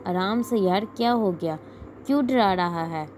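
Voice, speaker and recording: A woman's voice: mid-range voice, a little slow, darkish tone, a little hiss or hum, natural voice. A woman voicing a nervous young man who scares easily and speaks in a jittery, pleading way. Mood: startled.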